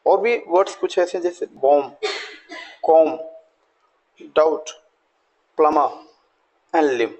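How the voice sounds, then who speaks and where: Husky, gravelly male teacher. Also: fairly high pitch, darkish tone, low-quality recording. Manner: explains slowly, mixing Hindi and English, repeating words for practice. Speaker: English teacher. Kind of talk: screen-recorded Hindi-English pronunciation lesson.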